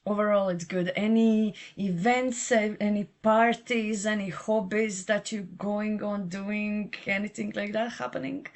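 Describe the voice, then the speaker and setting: A woman's voice: mid-range voice, steady tone, unhurried, hardly any pauses. A woman hosting a podcast, chatting in an upbeat way with frequent fillers. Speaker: podcast host. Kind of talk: casual podcast chat.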